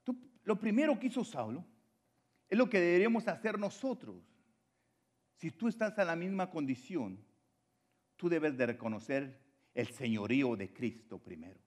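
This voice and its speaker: A man preaching a sermon, moving between loud exhortation and quiet, low drops. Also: sing-song, normal speed, pauses often.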